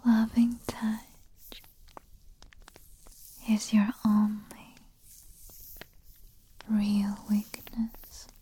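A woman whispering softly in an intimate, soothing ASMR roleplay as a queen. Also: medium pitch, flat delivery, drawn-out words, long pauses, breathy edge. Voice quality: soft whisper. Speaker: ASMR performer.

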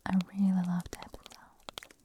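Whispering for her ASMR audience at normal speed, this creator sounds mellow yet hoarse and raspy, close to losing her voice. She giggles and chats, making self-deprecating comments, while slight background noise lingers.

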